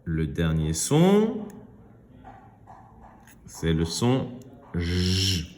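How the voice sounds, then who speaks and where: A male teacher reads a children's reading lesson at a very slow, careful pace. His voice sits fairly low, and he stresses each sound, repeating words so young pupils can follow. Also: expressive, a little hiss or hum. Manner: pronounces sounds with emphasis. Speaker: primary school teacher.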